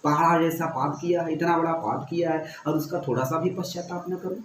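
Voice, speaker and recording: A man's voice: fairly high pitch, fairly even intonation, fairly quick. Guy teaching a poem line by line, says stuff over and over, echoey room w/ faint hum. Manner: reads verse lines then paraphrases them, repeating phrases. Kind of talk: poem explanation lesson.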